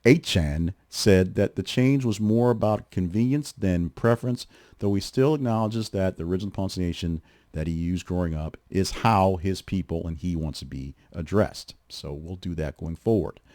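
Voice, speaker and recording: Guy with a low mellow voice doing casual sports talk, chatty, dry sound. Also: normal speed, no echo. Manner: chatty, conversational, with fillers and restarts. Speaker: podcast host.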